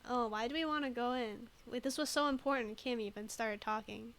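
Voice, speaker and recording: Playing a detective game on stream, this woman keeps up giggly, playful chatter, laughing a lot and reading on-screen text out loud in a relaxed let's-play style. She talks briskly, with a fairly high, slightly bright voice.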